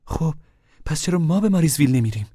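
A man voicing a weary, determined poor mother in a novel reading, low and hushed, sometimes forceful. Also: animated, breathy edge.

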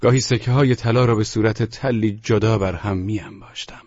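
A man narrating a novel in the first person, measured and dramatic. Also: on the low side, fairly even intonation, a little mellow, no room sound. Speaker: audiobook narrator. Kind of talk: scripted literary narration. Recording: muffled lo-fi recording.

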